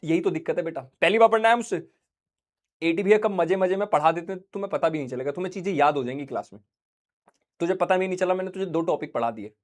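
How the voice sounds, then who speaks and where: High pitched guy teaching science online, joking around, kinda unwell today. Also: fast. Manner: playful, acts out scenes, teasing students. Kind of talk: online class lecture.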